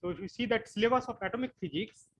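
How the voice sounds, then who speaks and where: A man from West Bengal with an Indian English accent, giving an online physics class and explaining slowly with frequent repetitions. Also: sits high, fairly bright tone, a little hiss or hum, poor audio. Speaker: physics lecturer.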